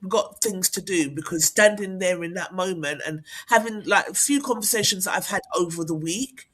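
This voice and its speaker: A woman hosting a casual live chat, telling stories in an animated, encouraging way. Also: fairly low pitch, moderate pace. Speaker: host.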